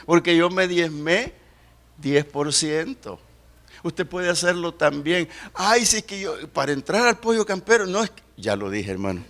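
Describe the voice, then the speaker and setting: Bright-voiced older male pastor preaching. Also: lively intonation, unhurried, a little hiss or hum. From El Salvador. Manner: preaching with wide swings between loud declaration and low asides; reads scripture aloud. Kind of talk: sermon.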